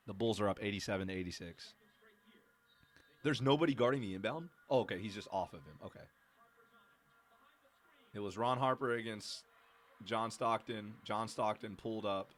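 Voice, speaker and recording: A man with a fairly low voice hosts a live watch-along show. He talks in a loose, chatty way and calls out to his listeners as he reacts to each moment. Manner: excited, chatty, addresses listeners as y'all. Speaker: podcast host.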